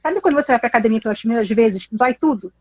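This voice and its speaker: High-voiced woman teaching animatedly. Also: rapid-fire, muffled recording. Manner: animated, explanatory, laughs often. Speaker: English teacher co-hosting. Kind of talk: casual teaching chat.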